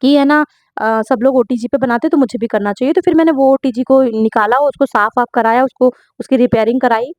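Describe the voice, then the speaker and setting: A woman's voice: sits high, a little fast, few pauses, a little mellow, no room sound. Chatty young woman, home baker. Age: young adult. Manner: chatty, earnest, answers viewer questions with frequent "है ना?". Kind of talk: casual Q&A vlog.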